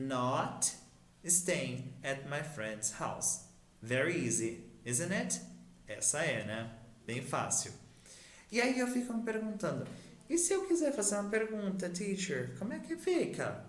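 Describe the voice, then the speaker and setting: A man from Brazil teaching an English grammar lesson, explaining slowly and patiently and modeling English phrases with a Brazilian Portuguese accent. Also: on the high side, echoey room.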